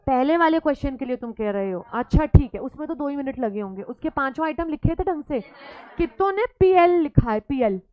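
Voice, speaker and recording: A woman teaching a classroom lecture in a high voice, teasing and scolding her students in good humour. She slips between Hindi and English as she talks. The sound is dry and a little dull. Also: expressive, fairly quick, no echo.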